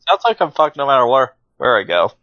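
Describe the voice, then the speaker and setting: A man playing in a tabletop game, unhurried and thinking out loud about his options. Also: medium pitch, very animated, no room sound. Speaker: player. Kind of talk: casual tabletop game chat. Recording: dull lo-fi mic.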